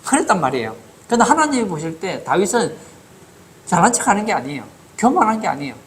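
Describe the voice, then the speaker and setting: A man's voice: high-pitched, big pitch swings, fast, a bit bright, slight background noise. A man preaching a sermon as pastor in a church, asking the congregation rhetorical questions.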